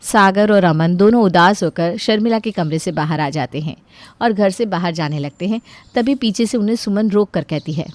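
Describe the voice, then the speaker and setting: A woman narrating a scripted storybook tale in a clear, expressive way. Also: mid-range voice, moderate pace, dry recording.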